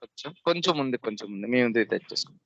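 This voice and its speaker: A man on a phone video call, giving short, repeated instructions on where to place the camera and whether the voice is clear. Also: mid-range voice, lively intonation, racing, fairly bright tone. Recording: dull lo-fi call audio.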